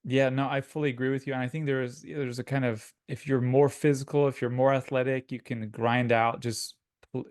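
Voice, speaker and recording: A man's voice: medium pitch, level tone, fairly quick, a little mellow, no room sound, studio quality. A man co-hosting a podcast, chatting casually and rambling with many restarts and filler words. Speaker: podcast co-host. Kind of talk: casual chat.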